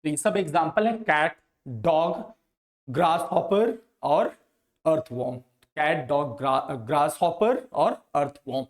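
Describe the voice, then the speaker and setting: Guy teaching kids science, keeps asking then answering, kinda high voice. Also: expressive, slow pace. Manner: repetitive call-and-response questioning. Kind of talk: classroom science lesson.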